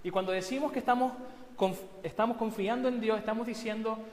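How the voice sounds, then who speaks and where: A man's voice: high voice, fairly quick. A male pastor giving a sermon, telling a story with joking asides. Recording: echoey church hall.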